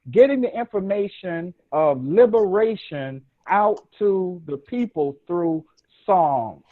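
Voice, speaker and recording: A man's voice: high voice, no room sound. A man with a Southern US accent hosting a live online talk show over a video call, chatty and rambling, laughing often. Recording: dry, tinny phone-like call audio.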